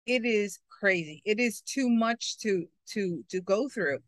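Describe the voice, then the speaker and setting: A woman's voice: medium pitch, lively intonation, measured pace, no room sound. A woman hosting an interview, speaking effusively and affirming her guest. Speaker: host. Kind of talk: broadcast interview.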